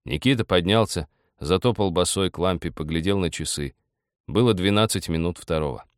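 Deep-voiced man reading a story. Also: fairly quick, clean tone, dry recording, studio quality. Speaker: audiobook reader. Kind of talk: literary audiobook narration.

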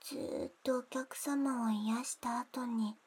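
Woman acting high, drowsy pillow-talk ASMR role-play girl. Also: fairly even intonation, slow, heavily acted. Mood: dreamy, drowsy. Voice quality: breathy, soft-spoken. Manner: soft, intimate pillow talk. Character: gentle, drowsy young female attendant lulling a guest to sleep.

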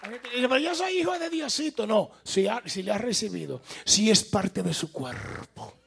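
A man preaching a sermon as a pastor, with emphatic, animated delivery and acted-out quotes to his congregation. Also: high voice, normal speed, gravelly, a faint crowd, a little hiss or hum. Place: church sanctuary.

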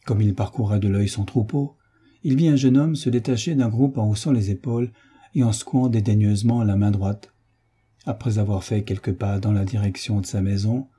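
A man narrating a novel as an audiobook reader, in a measured, even storytelling manner. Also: on the low side, husky. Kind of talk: scripted literary narration.

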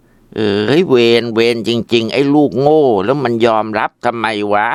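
A man's voice: lowish voice, normal speed, clear, resonant tone, dry recording, clean studio sound, natural voice. A man voicing a worried, middle-aged village mother who scolds and complains in a tearful way. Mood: exasperated.

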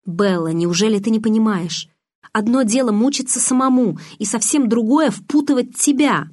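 A woman reading the lines of a guarded, brooding young man in a restrained, quiet manner. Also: fairly high pitch, normal speed, voice pushed up, close to an everyday voice.

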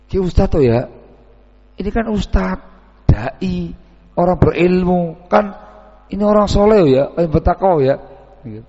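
A man giving a dawn sermon as a preacher, animated and acting out the people he describes. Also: sits high, measured pace, long pauses. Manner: animated, mixes in Javanese words, mimics townsfolk. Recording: dull, echoey hall recording.

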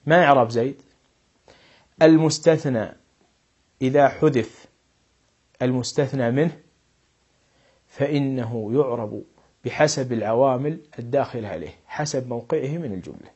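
A man teaching an Arabic grammar lesson, explaining patiently and stressing each quoted example slowly and loudly. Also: mid-range voice, breathy edge, highs cut off.

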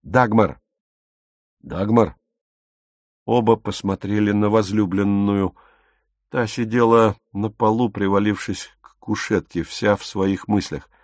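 A man narrating an audiobook in an even, measured reading. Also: lowish voice, no room sound, clean studio sound.

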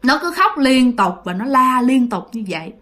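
Speaking directly to her audience, this ghost story narrator keeps things chatty and casual, full of filler words. Her voice sits high with big pitch swings and a sharp tone, delivered at a moderate pace.

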